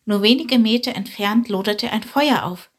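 A woman calmly narrating a children's storybook. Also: medium pitch, normal speed.

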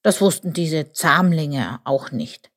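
Woman playing a slow, grumbling, forgetful old buffalo for a storybook, lowish voice. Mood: grumbly.

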